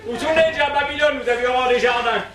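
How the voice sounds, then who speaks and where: A man's voice: extremely high pitch, rapid-fire, a crowd in the background. A man playing a rambling, half-deaf old husband who mishears everything, in an amateur stage comedy. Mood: puzzled. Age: older. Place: theatre stage. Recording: echoey stage from far off, noisy.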